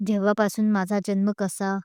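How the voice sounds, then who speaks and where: A playful young heroine in an audio story who teases her friend with a smile in her voice, voiced by the woman narrator. The sound is mellow and smooth, close and dry. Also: medium pitch, completely flat delivery, normal speed, no room sound, close to an everyday voice. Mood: teasing. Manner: teasing, laughing as she talks.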